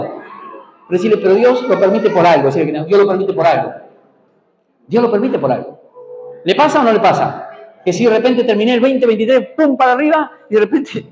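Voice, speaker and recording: A man's voice: extremely high pitch, darkish tone, roomy sound, highs cut off, a little hiss or hum. A man preaching a sermon in a church, prompting the congregation to repeat after him and answer amen. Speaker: pastor. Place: church hall.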